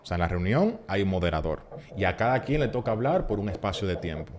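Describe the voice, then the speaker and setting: A man, a public speaking coach giving advice in a casual podcast chat, emphatic and animated, acting out little quoted scenes. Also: fairly low pitch, fast talker, slight background noise.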